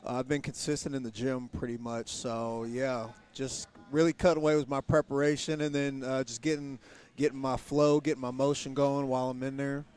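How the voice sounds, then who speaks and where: A man speaking as an MMA fighter in a casual pre-fight interview, quietly confident in an understated way. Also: medium pitch, level tone, moderate pace, smooth.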